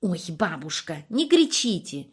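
A woman's voice: on the low side, very animated, a little slow, slightly rough, exaggerated voice. A woman voicing a nosy, cheeky young village nurse who talks chattily and coquettishly. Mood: chatty, prying.

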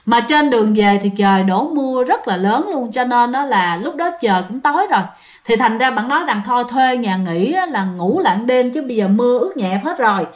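A woman with a Southern Vietnamese accent telling ghost stories in a chatty style, speaking directly to her listeners. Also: fairly high pitch. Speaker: storyteller host. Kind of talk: conversational ghost-story narration.

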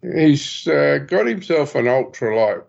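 A man's voice: a little high, expressive, a little slow, creaky, a little mellow. A man calling in to a casual chat, giving plain, matter-of-fact updates. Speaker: caller. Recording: dull lo-fi call audio.

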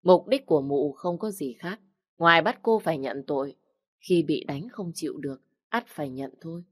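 A woman narrating an audiobook story in a steady storytelling manner. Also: low-pitched, moderate pace, breathy edge, no room sound, clean studio sound. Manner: steady storytelling, voicing every character.

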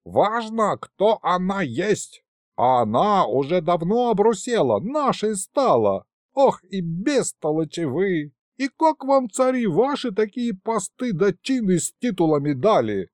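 A cantankerous old grandfather, as a male storybook reader puts him on, hollering and grumbling in rustic, old-fashioned turns of phrase. The voice sits fairly high and leaps wildly up and down as he rants. It is close and dry, with no room sound. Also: sing-song, unhurried, no echo. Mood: shouting. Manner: shouting, folksy old-fashioned speech.

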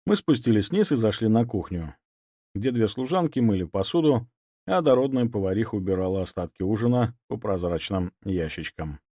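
A man narrating an audiobook in an expressive storytelling manner. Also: fairly low pitch, fairly quick, no echo, clean studio sound.

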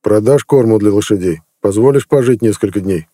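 A man voicing a calm, measured young male mage. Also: lowish voice, dry recording, studio quality, natural voice.

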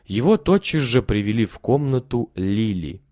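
A man reading a children's story aloud as the narrator, steady and expressive. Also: medium pitch, moderate pace, no room sound, studio quality.

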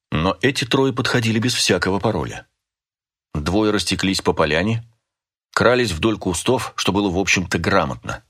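A man narrates an audiobook in a measured, even reading. His voice sits low. The delivery is steady and scripted.

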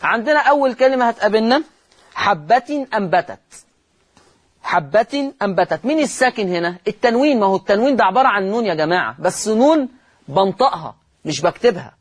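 High-voiced Egyptian male recitation teacher. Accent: Egyptian Arabic. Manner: quizzes listeners with repeated rhetorical questions; repeats key terms and drawls words to demonstrate. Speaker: Quran recitation teacher, show host. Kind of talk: televised Quran recitation lesson.

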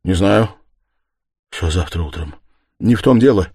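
A man's voice: low voice, lively intonation, unhurried, a little mellow, slightly rough, no room sound, clean studio sound, exaggerated voice. A man reading an audiobook voices a gloomy, brooding young man who speaks abruptly and asks probing questions.

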